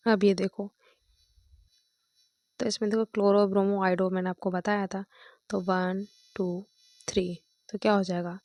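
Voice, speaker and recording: With a flat, unhurried delivery at medium pitch and frequent pauses, a woman chemistry teacher walks her students through each step in a dry recording. She counts out loud and checks in often, saying "thik hai" and "dekho".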